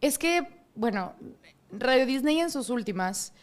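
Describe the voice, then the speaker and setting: A woman's voice: high-pitched, unhurried. A woman, a radio host telling her story as a guest in a casual interview and acting out other people's voices. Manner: animated, acts out quoted voices.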